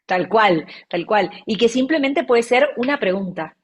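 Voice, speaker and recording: A woman, a public speaking coach, explaining ideas in a relaxed conversational interview and often repeating phrases to stress them. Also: on the high side, unhurried, slightly rough.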